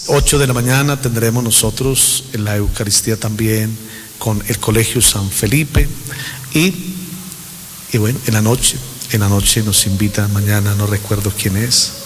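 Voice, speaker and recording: Male priest for Mass announcements and blessings, fairly deep, heard in echoing cathedral acoustics. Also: steady tone, moderate pace. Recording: long cathedral-like echo, noisy ambience.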